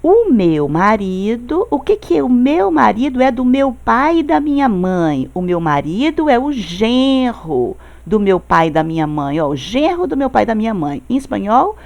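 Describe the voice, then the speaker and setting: Uma professora brasileira de espanhol, que explica devagar e sempre confere com os alunos. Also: female voice, on the high side, big pitch swings, gravelly, a little mellow. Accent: Brazilian Portuguese. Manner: explains slowly, checking with "tá certo?". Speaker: Spanish teacher. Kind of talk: recorded online class.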